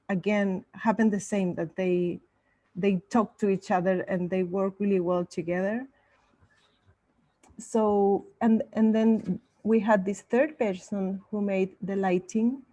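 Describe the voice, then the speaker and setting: Woman artist from Chile, slow and halting, soft dark tone. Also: medium pitch, steady tone, rough recording. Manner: halting, many restarts. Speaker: artist guest. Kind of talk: online panel talk.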